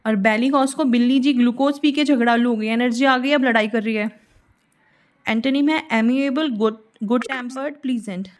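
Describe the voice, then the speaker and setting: A woman's voice: a little high, normal speed. A woman teaching vocabulary, explaining words with memory tricks and spelling them out patiently.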